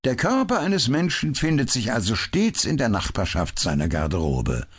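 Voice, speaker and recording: A man's voice: mid-range voice, sing-song, normal speed, breathy edge, pitched above the performer's own voice. Sherlock Holmes, a man voicing a mocking detective. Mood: ironic. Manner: dry, mocking and cool. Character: Sherlock Holmes, sharp ironic male detective. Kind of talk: audiobook character voice.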